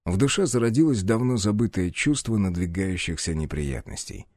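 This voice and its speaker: A male audiobook narrator tells a first-person story in a wry, expressive manner. His voice is dark and mellow with a lively rise and fall, recorded dry and close. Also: low-pitched, normal speed, no echo.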